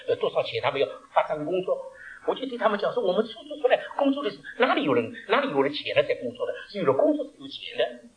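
A male preacher delivers a sermon, weaving stories together with rhetorical questions. His fairly high voice rises and falls in lively swings. He moves from loud, emphatic lines to hushed asides. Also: low-quality recording.

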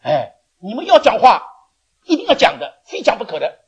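Very husky, lively male preacher. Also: high voice, normal speed, lo-fi sound. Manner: chatty, laughing storytelling with stammered restarts. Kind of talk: sermon.

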